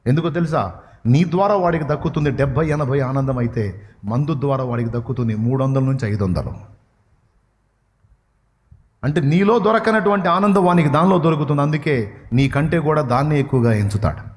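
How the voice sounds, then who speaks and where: A man with a slightly high, expressive voice preaches fast and with passion, questioning his listeners and sometimes rising to pleading cries. A long hall reverb trails his words.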